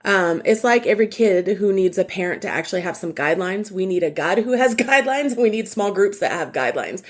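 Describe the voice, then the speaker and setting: A woman's voice: medium pitch, animated, fast. A woman co-hosting a youth ministry podcast, talking in a casual, upbeat and emphatic way. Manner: upbeat, laughs often, emphatic.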